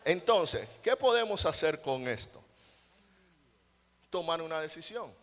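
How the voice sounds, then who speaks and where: A young adult male pastor preaching a sermon, dropping to quiet asides and rising to loud, high, mocking outbursts. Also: big pitch swings, measured pace. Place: church hall. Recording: long church hall reverb.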